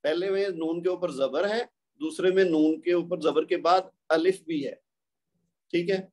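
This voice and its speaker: A man with a Pakistani Urdu accent giving a recorded tajweed lecture, patiently explaining word pairs and slowing down to contrast them. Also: fairly high pitch, a little mellow. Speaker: Quran recitation teacher.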